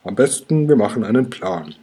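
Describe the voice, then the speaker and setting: A man voicing a big, pompous spiny dragon teacher in a storybook reading, authoritative, with a very husky voice. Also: fairly low pitch, lively intonation, brisk, dark tone.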